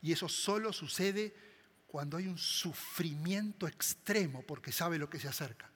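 A man preaching a sermon, swinging dramatically between loud emphasis and hushed tones. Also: fairly high pitch, normal speed, breathy edge. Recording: long hall reverb.

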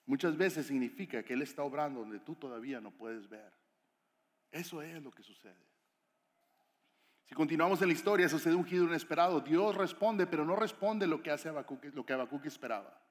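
A man's voice: on the high side, brisk. A man preaching a sermon as a pastor, conversational and often asking his listeners questions. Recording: echoey hall reverb.

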